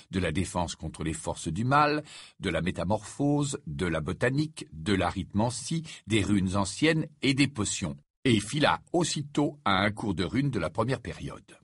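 A man reading a novel aloud as an audiobook narrator, expressive and dramatic. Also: unhurried, breathy edge, no room sound, studio quality. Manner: expressive reading with wide swings of pitch. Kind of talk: scripted narration.

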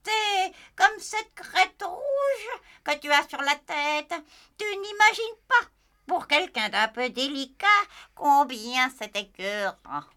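A woman's voice: sits high, sing-song, slow pace, pushed and bright, heavily acted. A woman voicing a proud, disdainful long-necked female animal in a storybook audio tale. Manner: haughty, disdainful.

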